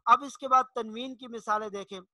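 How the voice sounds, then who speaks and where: A man teaching correct Quran pronunciation in a slow explanatory lesson, drawling each example word and repeating it. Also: extremely high pitch, steady tone, pushed and bright, no echo. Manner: drawls example words slowly and repeats them.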